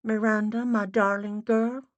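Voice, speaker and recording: A woman's voice: medium pitch, level tone, measured pace, dry recording, voice pushed up, natural voice. A woman doing a faint, muffled Boston ghost mother. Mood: tender.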